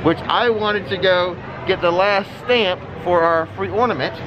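A man's voice: sits high, a little slow, lo-fi sound, noisy background. A man vlogging casually outdoors at a theme park, talking through a face mask in a chatty, informative way. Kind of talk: casual walk-and-talk vlog. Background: music playing.

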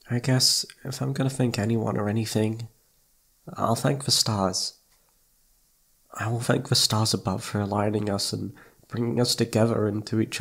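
In an ASMR roleplay, a man with a fairly low pitch plays a shy young boyfriend who adores the listener. His speech is soft and breathy, pleading and hesitant.

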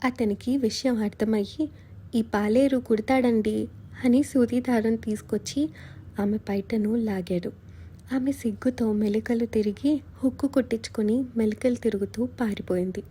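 Husky, mellow woman storyteller. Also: on the high side, normal speed. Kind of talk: scripted narration.

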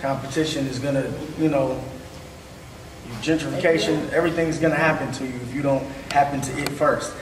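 A man in his thirties speaks earnestly and conversationally about his barbering work during a panel discussion in a large hall with a seated audience, using many fillers. His medium-pitched voice is fairly even and a little fast. Captured by a distant camera, it sounds echoey, with background noise.

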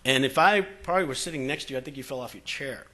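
Speaking fast with a sharp tone and medium pitch, this forties-aged Boston man addresses a conference room from the podium. He spins conversational stories packed with fillers, performing the quoted back-and-forth, all captured on a podium mic.

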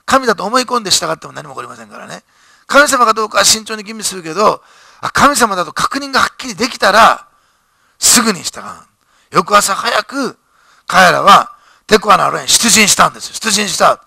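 A man preaching a sermon with a high, bright voice full of heavy gravel. He reads scripture and builds to fervent emphasis. The sound is close and dry. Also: animated, fast talker, dry recording. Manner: preaches with rising fervor, reading scripture aloud. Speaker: pastor. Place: church.

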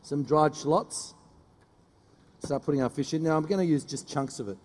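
A middle-aged man, a chef giving a brisk, joking live cooking demonstration on a studio stage. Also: a little high, darkish tone, in a large hall. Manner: brisk, joking, teases the audience. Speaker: chef doing a cooking demo. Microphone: headset mic.

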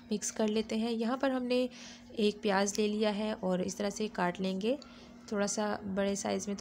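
A woman of medium pitch voices over a home kitchen cooking video as the channel's host, walking through each step in a friendly, instructive way with small fillers. Slight background noise is present.

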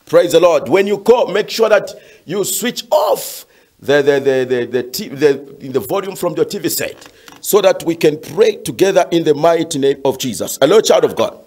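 A man's voice: a little high, expressive, moderate pace, darkish tone. A man preaching fervently and praying with callers on a phone-in, with frequent "uh" fillers. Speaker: pastor. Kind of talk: shouted sermon and prayer phone-in.

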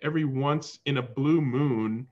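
A man hosting a casual video call chat, explaining things at length in a relaxed way from a room at home. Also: medium pitch, measured pace, dull audio. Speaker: host.

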